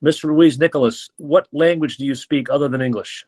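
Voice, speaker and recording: A man's voice: on the high side, brisk, a little mellow. A man from a newspaper's editorial board moderating a candidate interview. He asks his questions politely and often halts and restarts them.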